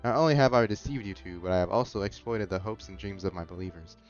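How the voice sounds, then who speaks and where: Speaking quickly in a lowish voice, a gamer narrates his playthrough in a relaxed way and voices the on-screen lines. His close microphone has a dull sound, with music faintly audible.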